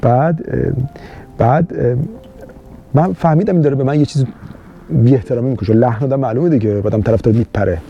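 A man's voice: medium pitch, highs cut off, slight background noise. A man from Iran, living in Austria, giving immigration advice in a casual, rambling monologue full of hesitant fillers. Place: lives in Austria.

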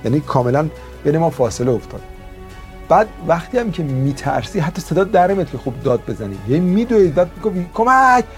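A man giving a motivational talk as a self-help teacher, telling stories with emphatic, drawn-out stresses and quick bursts. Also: on the high side, sing-song, warm tone, faint music behind. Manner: storytelling, emphatic, shifts between slow stresses and quick bursts.

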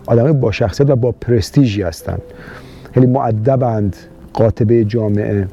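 Very mellow-voiced man from Iran. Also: mid-range voice, dull audio, slight background noise. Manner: rambling, frequent hesitant fillers. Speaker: immigration advice vlogger. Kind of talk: casual monologue. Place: lives in Austria.

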